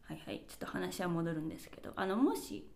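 A woman's voice: on the low side, animated, fast, darkish tone, a little hiss or hum. A woman hosting her own podcast, chatting casually and reflectively as she walks through examples one by one. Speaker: podcast host. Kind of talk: casual solo podcast talk. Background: birds chirping.

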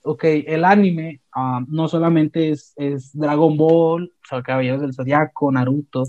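A young man with a Mexican accent, casually retelling an anime plot in a slangy, animated way with many restarts. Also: on the high side, unhurried, dry recording. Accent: Mexican Spanish. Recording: dull, slightly lo-fi dry sound.

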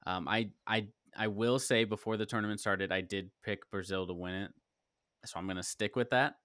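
A man's voice: lowish voice, fairly even intonation, normal speed, fairly bright tone, clean tone, no room sound, clean studio sound. A man hosting a casual sports podcast, leading the predictions and laughing often. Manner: laughs often, leads the picks. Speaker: podcast host.

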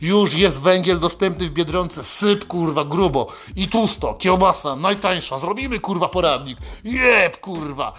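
High-voiced man in a profane comic rant. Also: animated, unhurried, few pauses, a bit bright. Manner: aggressive, swearing constantly, mock motivational. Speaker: satirical anti-coach host. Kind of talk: profane satirical rant to listeners.

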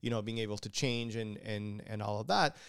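A man's voice: on the low side, a little fast, gravelly, fairly bright tone, clean tone. A man co-hosting a casual chat, talking in a rambling way with frequent stutters and restarts. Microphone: studio microphone he keeps bumping.

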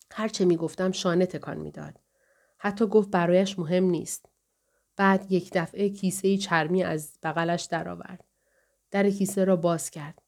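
Lady reading a novel out loud, calm and somber, kinda low voice. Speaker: audiobook narrator. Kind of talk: first-person novel narration.

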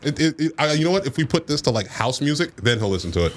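A man's voice: on the high side, sing-song, fast talker. A man co-hosting a casual podcast chat, joking and laughing often as he poses a question to his friends. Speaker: podcast co-host.

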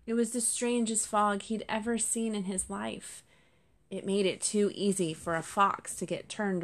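A woman narrating a children's storybook, gentle and speaking to the listeners directly. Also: mid-range voice.

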